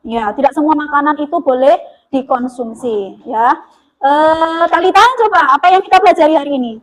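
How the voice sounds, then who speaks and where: A woman teacher with a high, light voice runs a lesson for young pupils in a classroom. She has an Indonesian accent. She keeps putting questions to the children and calls herself by her teacher name. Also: fairly quick, poor audio. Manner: lively, questioning, refers to herself as [name].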